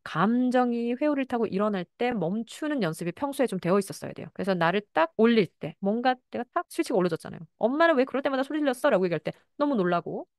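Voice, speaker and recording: A woman counselor giving parenting advice, now and then acting out a mother's and a child's lines in a higher voice. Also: animated, fast talker, few pauses, darkish tone, no echo, clean studio sound.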